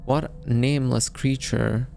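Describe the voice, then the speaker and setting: This man speaks slowly in a mid-range voice that's gravelly, a little mellow, and fairly even in intonation. Playing a horror game, the streamer offers casual let's-play commentary, reacting out loud and reading text from the screen, with game music in the background.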